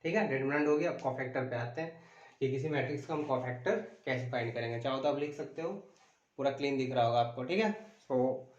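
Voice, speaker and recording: A man's voice: mid-range voice, fast talker, roomy sound, highs cut off. A man teaching a math lesson, calling out sums, asking the class questions and mixing English into Hindi.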